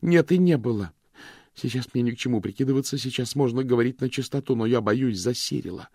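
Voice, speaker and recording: A man's voice: medium pitch, fast, darkish tone, breathy edge, dry recording, pitched above the performer's own voice. A male reader voicing a desperate young woman who pleads breathlessly in a dry, close recording.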